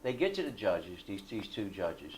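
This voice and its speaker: A man leading a fellowship group, telling a story in a casual, animated way and asking the listeners for agreement. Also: sits low, moderate pace, slight background noise.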